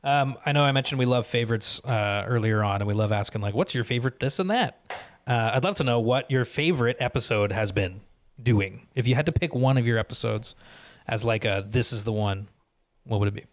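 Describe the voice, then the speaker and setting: Man, medium pitch, podcast co-host, agreeable, frequent affirmations, dry recording. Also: brisk, no room sound. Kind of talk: casual chat interview.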